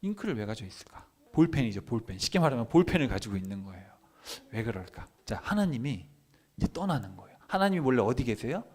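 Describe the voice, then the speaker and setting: A man, a pastor, giving a children's sermon in church, animated and full of questions to his listeners. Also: mid-range voice, fast.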